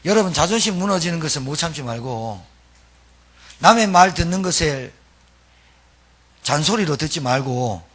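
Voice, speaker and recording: A man preaching a sermon as pastor, telling a story in an animated, emphatic way. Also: fairly high pitch, moderate pace, pauses often, breathy edge.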